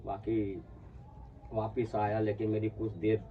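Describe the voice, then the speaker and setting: A man's voice: lowish voice, a little slow, distant mic, narrow, tinny audio. A man telling a casual personal anecdote, acting out what his friends said along the way. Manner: animated, acts out quoted friends. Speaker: storyteller.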